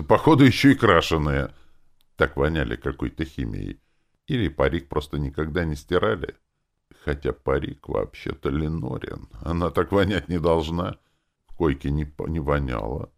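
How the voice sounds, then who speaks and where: A man with a very low, gravelly voice narrates a first-person fantasy story. His reading is lively and expressive, with crude, sardonic asides woven into the telling. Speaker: audiobook narrator.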